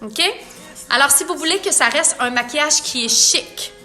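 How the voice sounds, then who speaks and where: A woman's voice: sits high, moderate pace, bright, forceful tone, faint music behind. A woman, a makeup artist chatting through a tutorial and explaining products to viewers.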